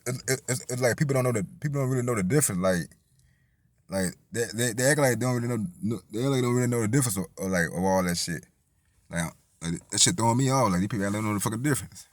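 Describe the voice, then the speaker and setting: A man's voice: lowish voice, quick pace, dry recording. A man from Tennessee, talking in a rambling, profane casual monologue full of restarts. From Tennessee, USA. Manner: rambling, profane, lots of restarts and "you feel me". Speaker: vlogger.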